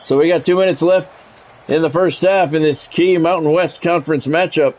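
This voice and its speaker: A man with a slightly high, steady, a little mellow voice commentates live on a football video game at a moderate pace. He speaks in brief announcer phrases sprinkled with candid asides, and his dull, lo-fi mic lets in faint background noise.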